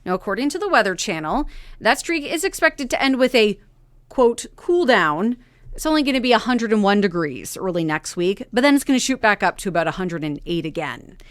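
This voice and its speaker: A female morning radio co-host with a mid-pitched voice, reading news in a conversational way and walking through the figures. The sound is dry and close on a studio mic. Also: sing-song, a little fast, no echo. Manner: conversational, explains numbers. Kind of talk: reading news stories on air.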